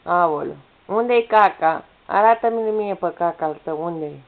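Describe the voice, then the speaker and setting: Filming her toddler in a bedroom at home, a young woman speaks in a lowish voice with vocal fry, coaxing the child with repeated, playful baby-talk prompts. The audio comes from the camera's built-in mic and sounds tinny and lo-fi with faint noise.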